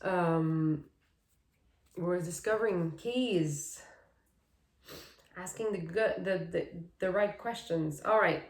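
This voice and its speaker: A woman giving a casual, meandering tarot reading, soft and dreamy, often laughing. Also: on the low side, slow, pauses often, reverberant. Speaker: tarot reader.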